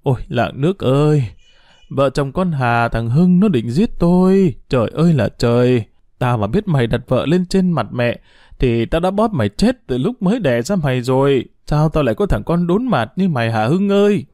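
A man's voice: very animated, brisk, darkish tone, no echo, studio quality, close to an everyday voice. A man voicing a bitter old mother-in-law in an audio story, cursing and wailing in a raised voice. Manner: shrill, abusive scolding.

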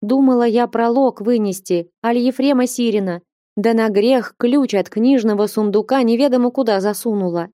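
A woman's voice: fairly high pitch, normal speed, no room sound, clean studio sound, pitched above the performer's own voice, close to an everyday voice. A woman voicing a meek, frightened old nun. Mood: timid. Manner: meek, pleading, hushed. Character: timid, elderly female nun, frightened.

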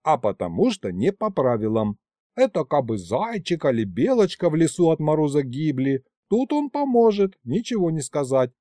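A man's voice: a little high, sing-song, moderate pace, warm tone, no echo, clean studio sound, voice pushed up. A man voicing a cranky, folksy old grandfather who grumbles in rustic speech. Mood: grumbling.

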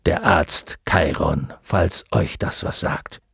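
A man voicing an exhausted, gruff and impatient male centaur physician in an audiobook, speaking in low, curt mutters. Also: slow, a bit bright, no room sound, clean studio sound, exaggerated voice.

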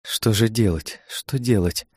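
A man's voice: medium pitch, expressive, fast talker, darkish tone, no echo, pitched above the performer's own voice, close to an everyday voice. A man voicing a frightened young noblewoman, a princess, who speaks in an anxious, trembling murmur.

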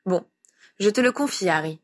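A woman's voice: medium pitch, expressive, normal speed, close to an everyday voice. Harry, a woman reading a kind young man. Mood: reassuring.

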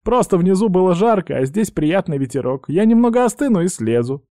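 A man reading an audiobook, voicing a timid, frightened male astrologer who pleads and squeaks. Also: very animated, brisk, mellow, dry recording, clean studio sound. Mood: evasive.

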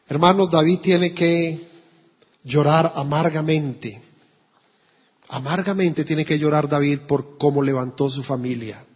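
Man, preacher, emphatic sermon, husky, dull recording with long church echo. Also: a little high, a little slow. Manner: emphatic, pleading, storytelling.

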